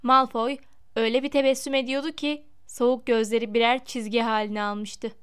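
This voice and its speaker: A woman narrating a storybook in a measured, expressive reading. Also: fairly high pitch, clear, resonant tone. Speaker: audiobook narrator.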